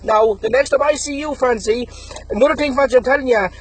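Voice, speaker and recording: A young Irish man in his twenties with a notably high, rough and husky voice launches into an angry callout rant. He taunts and threatens his rival, hammering the same name over and over. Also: quick pace, poor audio. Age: 20s. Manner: aggressive, taunting, threatening, repeats the target's name again and again.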